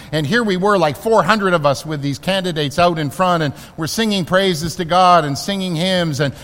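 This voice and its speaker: A male pastor delivers an earnest, emphatic sermon in a church, slowing down to stress his key words. His voice sits high for a man. The sound carries a long reverb, as if it fills a large hall. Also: fairly bright tone.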